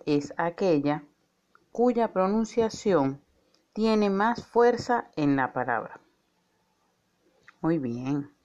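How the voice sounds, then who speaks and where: Reading from a script, a woman teacher speaks with clear, measured pacing that slows for emphasis on key words. Her fairly low voice sounds a little mellow, and the audio is lo-fi.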